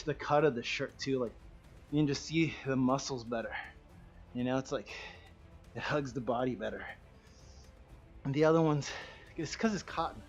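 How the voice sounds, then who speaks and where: A man teaching a martial arts kicking class, counting reps loudly and chatting and joking with students between sets. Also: fairly high pitch, lo-fi sound. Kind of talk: leading a live kicking workout class.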